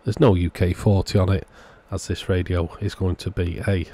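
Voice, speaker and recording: The host of a radio repair channel narrates a hands-on repair step by step in an informal, matter-of-fact voice-over that sounds scripted. His voice sits low and dark, with a level tone and normal speed.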